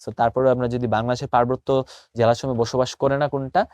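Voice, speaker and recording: Man, casual recorded lesson, repeats answers aloud, warm tone, close dry recording. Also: medium pitch, little pitch movement, fast talker, no room sound. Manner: thinks aloud, repeats answers, stumbles over hard names. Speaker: admission test tutor. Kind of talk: casual recorded lesson, going through quiz questions.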